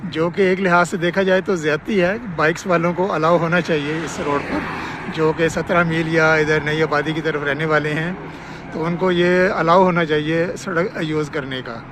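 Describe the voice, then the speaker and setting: With loud vehicle and traffic noise and outdoor ambience around him, a man with a Pakistani accent vlogs an on-site road update beside construction works. He explains things matter-of-factly in a slightly high voice, keeping a moderate pace and fairly even intonation.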